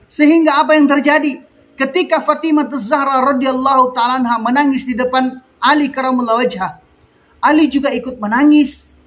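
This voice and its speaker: Very high-voiced male preacher. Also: steady tone, fairly bright tone. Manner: dramatic, drawn-out phrases with Arabic pious exclamations. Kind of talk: storytelling sermon.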